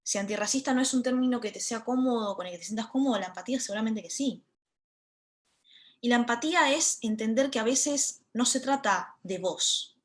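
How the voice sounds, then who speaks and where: A woman's voice: fairly high pitch, brisk. Earnest young Rioplatense woman lecturing. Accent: Rioplatense Spanish. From Buenos Aires, Argentina. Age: 20s. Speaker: panel speaker. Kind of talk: lecture talk.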